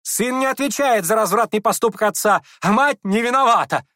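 Визгливого юношу. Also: male voice, high-pitched, fairly quick, pushed and bright, dry recording, studio quality, voice pushed up. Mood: shrill. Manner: shrieking, strained. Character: shrill, touchy, sickly young man. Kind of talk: audiobook character voice.

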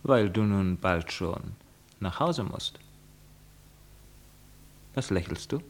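Brief: teasing, mocking young lover in a radio play; lively, swinging delivery. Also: male voice, low-pitched, slow, heavily acted. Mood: evasive. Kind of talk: classic radio play acting.

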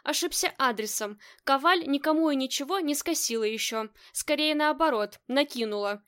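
A woman's voice: high voice, normal speed, fairly bright tone. Woman reading as a wry tough gang boss woman. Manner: dry, mock-stern.

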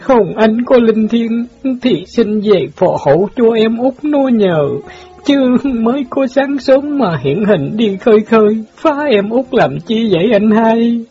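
A woman's voice: low voice, animated, normal speed, a little mellow, lo-fi sound, faint music behind, voice pushed down. A woman voicing a jittery young man who is terrified of ghosts, talking in a stammering, pleading way.

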